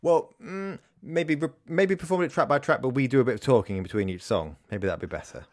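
A man's voice: mid-range voice, brisk, a little mellow, no echo. A man co-hosting a podcast, talking about music with a dry, wry humor. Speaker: podcast co-host. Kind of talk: casual music review chat.

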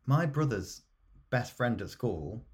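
A man's voice: medium pitch, animated, slow. A middle-aged man, chatting casually as co-host of a music podcast.

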